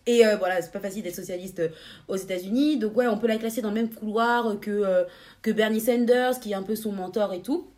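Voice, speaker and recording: A young woman co-hosting a casual podcast, bubbly, laughing often and filling pauses with hesitations. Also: mid-range voice, darkish tone. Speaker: podcast co-host.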